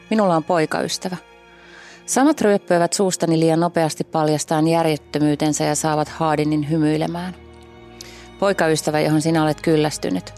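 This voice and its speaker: A woman's voice: deep voice, gravelly, a little mellow. A woman guest on a podcast, talking in a thoughtful way and searching for words as she reads aloud and reflects. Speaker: guest journalist. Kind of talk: casual podcast chat and reading aloud.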